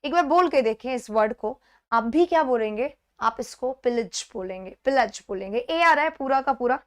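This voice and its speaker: A high-voiced woman, an English exam teacher, runs a live online exam-prep lesson on pronunciation. She explains step by step, often checks in with "theek hai," and repeats words slowly to model how they should sound.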